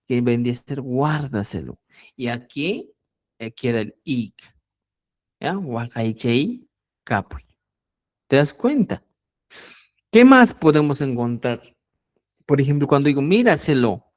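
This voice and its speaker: Guy teaching a language class, slow and patient, voice goes up and down a lot. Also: a little high, dry recording, clean studio sound. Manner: slow, patient explaining with frequent "¿ya?" checks. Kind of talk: online language lesson.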